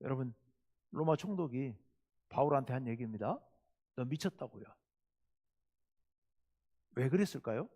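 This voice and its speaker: A male pastor preaching a Wednesday sermon, animated and acting out quoted lines with sudden loud bursts. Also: mid-range voice, brisk. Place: church sanctuary. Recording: church hall reverb.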